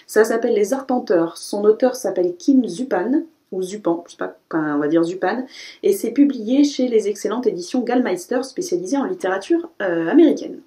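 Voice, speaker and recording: Book vlogger, woman, mellow tone, chatty and casual, stumbles and corrects herself. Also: medium pitch, lively intonation, brisk. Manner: chatty, self-correcting, frequent "euh" fillers. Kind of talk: casual book haul review.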